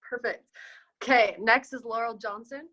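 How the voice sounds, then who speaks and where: A woman's voice: a little high, steady tone, sharp tone, low-quality recording. A young woman moderating a casual student webinar over a video call, upbeat and chatty. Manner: upbeat, chatty, quick transitions.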